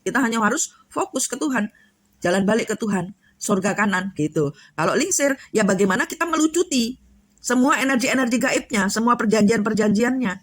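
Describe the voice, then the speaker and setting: A tarot reader and spiritual coach gives a casual spiritual talk, rambling with plenty of fillers and restarts. Her voice is on the high side, animated and brisk, with no room sound.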